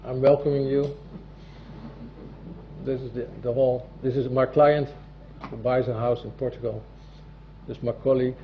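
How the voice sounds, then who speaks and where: A man with a Dutch accent gives a formal presentation as a notary, speaking in a deliberate, halting way. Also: medium pitch, steady tone. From Netherlands. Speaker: civil law notary giving a presentation. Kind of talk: formal presentation, partly read from a script. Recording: dull, muffled audio with loud background noise.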